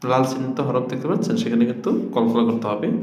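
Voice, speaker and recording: A man's voice: mid-range voice, darkish tone, roomy sound. Bengali man teaching Quran reading. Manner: explains slowly, then chants words in drawn-out recitation. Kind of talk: recorded video lesson.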